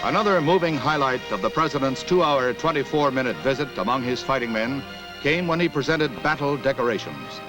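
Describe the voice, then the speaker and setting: A man's voice: medium pitch, lively intonation, a little fast, low-quality recording. A man giving formal, declamatory narration for an old 1960s newsreel. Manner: formal, declamatory announcer delivery. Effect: old newsreel soundtrack. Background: music.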